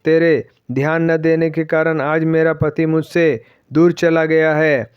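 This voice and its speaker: A man's voice: fairly high pitch, level tone, unhurried, smooth, no room sound, natural voice. A man reading the lines of a spoiled, scornful young daughter-in-law, irritable and sneering, in a slightly dull, dry recording. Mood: frantic.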